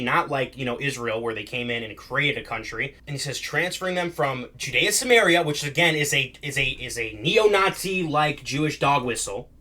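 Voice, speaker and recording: Male online commentator, bright forceful voice, slangy and mocking. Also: medium pitch. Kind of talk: casual reaction commentary.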